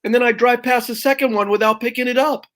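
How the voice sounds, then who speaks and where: With a very high voice and fairly even intonation, a man talks fast as he delivers stand-up style jokes. He's a brash, punchy guest comedian on a video call who calls the host "brother."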